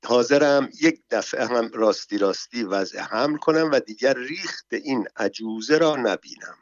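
A man's voice: medium pitch, dry recording, close to an everyday voice. Guy voicing a fussy nobleman dressed up as a pregnant lady, whiny thin moans, kinda dull dry sound. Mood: grumbling. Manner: whining, moaning in a thin put-on voice.

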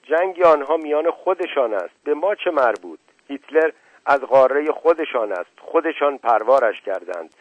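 A man's voice: medium pitch, expressive, no room sound, muffled recording, voice pushed up, natural voice. A man reading as Yusuf, a stern angry landowner. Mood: lecturing. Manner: scornful, lecturing.

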